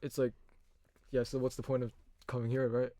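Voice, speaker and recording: A young man from Hong Kong, a guest on a casual podcast, rambling easily with lots of filler words and quick laughs. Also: mid-range voice, little pitch movement, dark tone, no room sound, clean studio sound. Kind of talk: casual chat.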